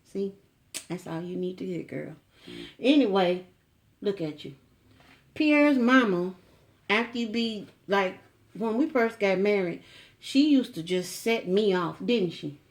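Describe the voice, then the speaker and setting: A woman's voice: medium pitch, expressive, unhurried, pauses often. Folksy chatty middle-aged woman. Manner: folksy, chatty, with asides to viewers and teasing questions to her husband. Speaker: vlogger. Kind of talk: casual chat to camera.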